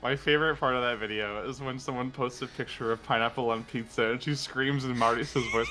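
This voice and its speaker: A man's voice: medium pitch, steady tone, brisk, bright, forceful tone, faint music behind. A man streaming a game in casual chat, joking and reading the game's dialogue aloud. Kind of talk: casual let's-play chat.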